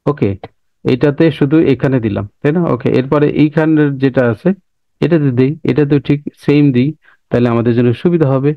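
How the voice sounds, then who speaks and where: A man teaching a software class, walking through steps and repeating himself while often checking that listeners follow. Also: a little high, brisk, no echo, dull audio. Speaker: instructor. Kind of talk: screen-recorded software tutorial.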